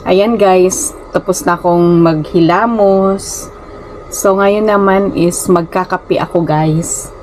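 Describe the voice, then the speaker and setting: In a low-quality recording with slight background noise, a Philippine-raised woman with a Filipino accent chats with viewers from her small rented room. She speaks slowly in a lowish, steady, slightly mellow voice, often saying "guys" and now and then fumbling her words.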